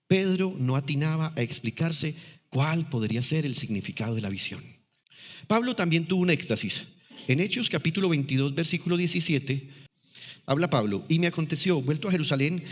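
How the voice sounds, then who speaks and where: A man's voice: a little high, in a large hall, dull audio. A man teaching a sermon, reading scripture passages aloud and explaining them with pointed questions. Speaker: preacher.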